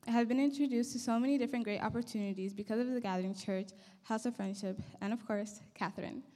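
A woman's voice: on the high side, quick pace, dark tone. A young woman from Somalia giving an earnest, grateful prepared speech into a handheld mic as a guest speaker in a church hall. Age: young adult. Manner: earnest and grateful, reading from notes. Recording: long hall reverb.

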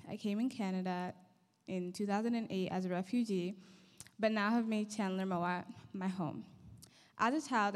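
In a church hall with long reverb, a young Somali woman speaks as a guest, holding a mic and reading her prepared remarks. Her mid-range voice is a little mellow, and she sounds earnest and thankful.

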